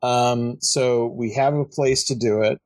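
A young man co-hosting a podcast talks in a medium-pitched, darkish voice with fairly even intonation and a measured pace, captured on a low-quality recording. His casual chat rambles, full of ums and restarts, and he sounds like he just woke up.

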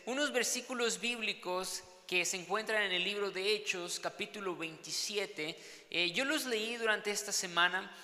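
A man with a Mexican accent preaching a sermon as pastor, telling a personal story in an animated, dramatic way and often tagging his sentences with questions. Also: high-pitched, moderate pace, big-room sound. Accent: Mexican Spanish.

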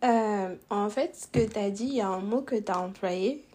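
A young Congolese woman hosts a podcast, chatting casually and asking probing questions, though she hesitates and restarts often. Her voice is medium-pitched, husky and darkish, at a normal speed.

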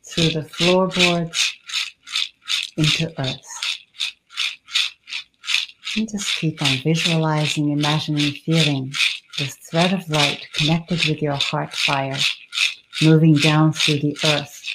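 Slow, low-voiced woman guiding meditation. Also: level tone. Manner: slow, soothing, drawn-out phrasing. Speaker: meditation guide. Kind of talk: guided meditation. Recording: loud background noise and rattle.

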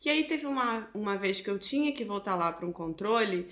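A woman's voice: medium pitch, animated, fairly quick, a bit bright, roomy sound. A Brazilian woman telling a story in a casual chat, acting out the people in it and laughing often. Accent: Brazilian Portuguese.

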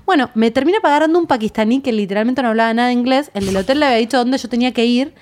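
A young woman with an Argentine Spanish accent, chatting casually and telling a lively travel story, acting out the voices she quotes. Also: fairly high pitch, racing. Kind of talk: casual chat.

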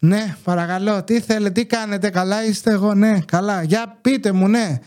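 A young man hosting a podcast, telling rambling, sarcastic stories about his neighbors in a casual monologue. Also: high-pitched. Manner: rambling, sarcastic, animated retelling. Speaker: podcast host.

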